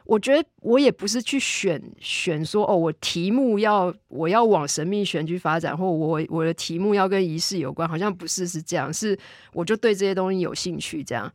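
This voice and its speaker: A woman's voice: lowish voice, fairly quick, hardly any pauses, no echo, studio quality. A woman with a Taiwanese Mandarin accent speaking casually as an interview guest, explaining things step by step and often circling back over her words. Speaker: film and VR director, podcast guest.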